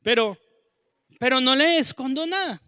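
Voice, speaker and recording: High-voiced preacher. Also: male voice, expressive, moderate pace, pushed and bright, clean tone, no echo. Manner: conversational, acts out dialogue. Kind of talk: Bible teaching.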